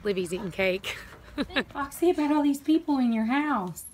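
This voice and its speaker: A homestead vlogger from Tennessee, USA, chats casually while doing farm chores, rambling and laughing often, filmed outdoors and in a barn on a handheld phone. Her high voice is lively and a little mellow, at a moderate pace, with a bit of hiss or hum.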